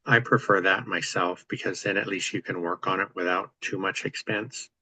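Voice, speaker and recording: A man with a deep, crisp-toned voice chats on a video call about practical landlord matters. He explains at length in an easygoing, matter-of-fact way, his pitch staying fairly level. The sound is dry and close. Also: steady tone, normal speed, pushed and bright, rough recording. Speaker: real estate investor host. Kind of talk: casual chat on a video call.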